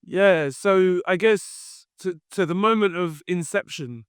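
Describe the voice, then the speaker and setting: A man talks through his career in a relaxed, explanatory way, pausing on fillers as he thinks. His voice sits a little high and comes across smooth and resonant. The recording is close and dry. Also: no echo. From London. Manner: thoughtful, explanatory, with frequent fillers. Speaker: podcast guest, company founder. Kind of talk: conversational interview answers.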